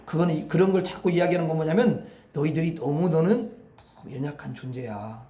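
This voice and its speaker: A male pastor preaching a sermon in an animated, folksy, rambling way, often addressing the congregation directly. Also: on the high side, brisk. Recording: echoey hall.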